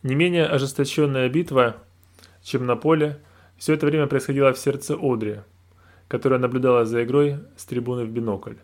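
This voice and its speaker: A man narrating a novel aloud in a calm, measured reading voice. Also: medium pitch. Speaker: audiobook narrator. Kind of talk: scripted narration.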